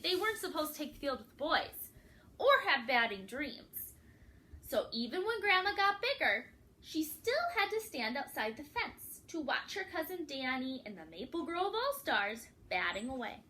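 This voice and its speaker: Reading a picture book to young children, this storyteller uses a high, bright, sing-song voice with a forceful tone at normal speed. She's expressive throughout, leaning on dramatic emphasis and posing questions to her little audience.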